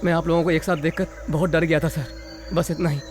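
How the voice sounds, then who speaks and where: A frightened young filmmaker, played by a man, rushes out his explanation in a dubbed film. He talks quickly, his voice a little high. Faint music sits underneath. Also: steady tone, natural voice. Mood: pleading. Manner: fast, nervous, pleading. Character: scared young male documentary maker.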